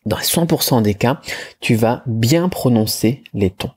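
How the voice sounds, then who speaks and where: A man's voice: mid-range voice, lively intonation, measured pace, a little mellow, breathy edge. A man teaching pronunciation in a chatty video lesson, with lots of fillers and restarts, demonstrating tones by moving his head. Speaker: Chinese language teacher.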